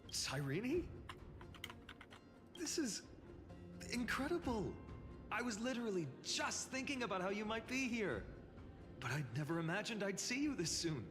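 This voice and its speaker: An actor playing an earnest, tormented young warrior hero in a game, solemn, breathy and intense. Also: male voice, high voice, very animated, unhurried, pauses often. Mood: amazed. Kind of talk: dramatic game voice acting. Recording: long reverb, music over voice.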